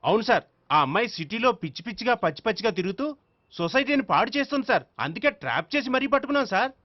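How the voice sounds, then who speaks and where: A man's voice: high-pitched, sing-song, rapid-fire, no echo. An actor playing an eager police constable reporting to his superior. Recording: dull film soundtrack.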